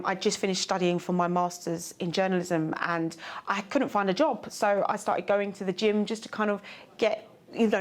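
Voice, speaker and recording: A woman from London, a fitness instructor, chatting in a friendly way in an interview. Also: medium pitch. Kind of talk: interview speaking to camera.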